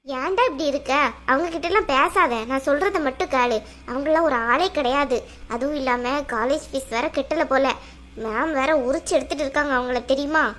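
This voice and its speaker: A woman's voice: high-pitched, a little fast, fairly bright tone. A woman voicing a snobbish young college girl in a cartoon, talking in a mocking, scornful way. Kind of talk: cartoon dub acting.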